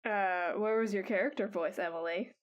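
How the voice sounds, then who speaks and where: A woman's voice: mid-range voice, muffled recording. A woman running a tabletop game as game master, talking unhurriedly with lots of fillers. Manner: unhurried, full of fillers and laughs.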